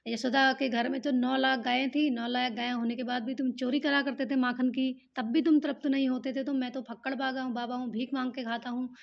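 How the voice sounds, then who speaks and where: Humble old wandering holy man, gently scolding, high gravelly tone, as a woman storyteller puts him on, dull lo-fi recording. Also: level tone, brisk, hardly any pauses. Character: humble old male ascetic saint.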